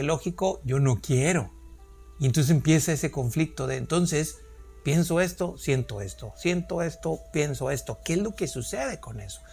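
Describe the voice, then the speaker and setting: Male podcast host, slightly high voice, earnest explainer, faint music underneath. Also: a little mellow, husky. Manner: earnest, explanatory, asks rhetorical questions. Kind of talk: reflective solo podcast talk.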